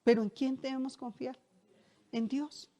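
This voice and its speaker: A woman's voice: sits high, fairly even intonation, unhurried, dark tone. A middle-aged woman pastor, preaching a sermon in a conversational way and asking the congregation rhetorical questions. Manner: conversational, shares personal anecdotes.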